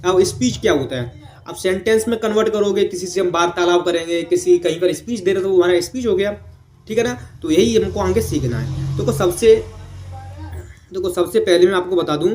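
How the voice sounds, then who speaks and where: A man with a slightly higher-pitched voice and a mellow, soft tone, teaching a basic English lesson to online viewers. He repeats each point and keeps checking in with the viewer after nearly every phrase, quizzing them and then answering himself. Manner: repetitive teaching, constant "theek hai?" check-ins, quizzing the viewer.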